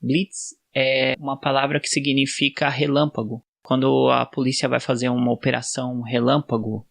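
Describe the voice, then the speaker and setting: A man's voice: medium pitch, little pitch movement, normal speed, vocal fry, a bit bright, no echo. A man with a Brazilian Portuguese accent, chatting casually in an explainer vlog, with frequent tag questions and restarts. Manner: chatty, frequent "né?" tags, self-corrections. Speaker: vlogger.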